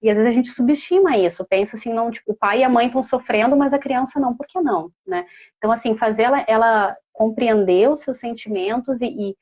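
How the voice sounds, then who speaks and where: A woman's voice: a little high, quick pace, darkish tone, muffled recording. A mother speaking as a guest, telling a personal story in a heartfelt, casual way with many fillers.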